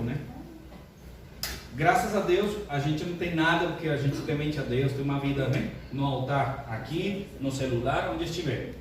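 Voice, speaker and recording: Older pastor joking in an echoey church. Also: male voice, on the high side. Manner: joking, chatty and animated. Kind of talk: informal sermon opening. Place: church sanctuary. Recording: echoey church hall, distant mic, room noise.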